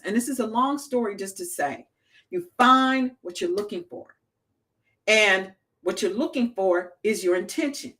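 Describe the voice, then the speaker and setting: A woman giving a casual motivational talk to small business owners, telling stories in an animated way and acting out the voices she quotes. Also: on the high side.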